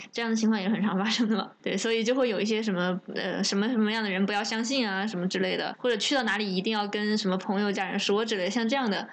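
A woman co-hosting a podcast, talking in animated casual chat with frequent laughs. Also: mid-range voice. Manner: animated, laughing, quick asides. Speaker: podcast co-host.

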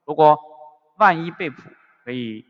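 A man narrating a novel in an even, scripted storytelling manner. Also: on the high side, a little slow. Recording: dull audio with long reverb.

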